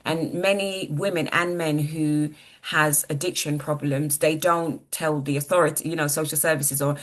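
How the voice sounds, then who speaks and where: A woman in her sixties, telling her story earnestly as an interview guest, halting and repeating words. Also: low-pitched, steady tone. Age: 60s. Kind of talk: personal testimony in an interview.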